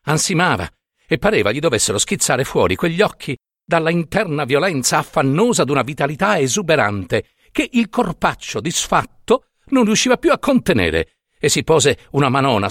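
A man reading a story aloud with expressive delivery. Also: on the high side, no echo, clean studio sound. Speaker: reader.

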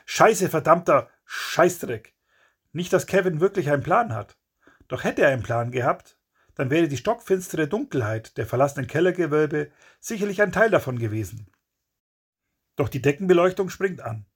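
A man's voice: fairly high pitch, very animated, fairly quick, slightly rough. A man narrating a crime story in a dramatic, punchy audiobook reading.

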